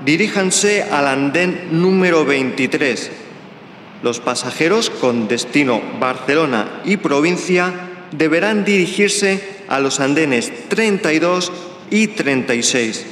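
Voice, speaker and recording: A man acts out a formal public-address announcer in the style of an airport or train station. His delivery is very slow and measured, in a slightly high male voice. It rings through an echoey hall with faint noise. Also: expressive, fairly bright tone.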